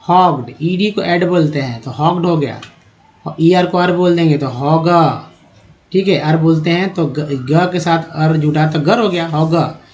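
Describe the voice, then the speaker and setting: Man from India, raised-pitch teaching voice, patient step-by-step explainer for an online phonics class. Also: measured pace, a little mellow. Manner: explaining step by step, asking the viewer questions. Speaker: English teacher. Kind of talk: spoken phonics lesson.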